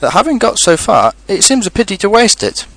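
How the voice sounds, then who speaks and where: A fussy storybook rabbit played by a man, pitched far above a normal male register. He is brisk, prim and politely stern, with animated swoops and a dry, close sound. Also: no echo, full character voice. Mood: matter-of-fact. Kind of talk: storybook character reading.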